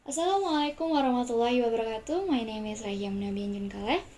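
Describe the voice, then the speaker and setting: A woman's voice: on the high side, expressive, fast talker, warm tone, slight background noise, low-quality recording. A young woman student giving a class presentation, speaking carefully and repeating each example sound several times. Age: young adult.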